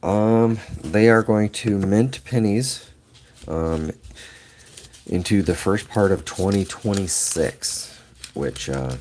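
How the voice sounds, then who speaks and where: A middle-aged livestream host with allergies chats casually with viewers, rambling and laughing often, his voice lower than usual. It comes across fairly low, slow and darkish, with a little hiss or hum.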